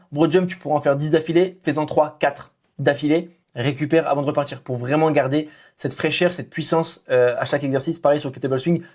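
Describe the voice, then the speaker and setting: A French-accented man talks as a running coach, addressing the listener directly in a loose, informal way. He speaks quickly, with a slightly high-pitched voice and plenty of filler sounds. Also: darkish tone. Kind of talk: casual explanatory talk to camera.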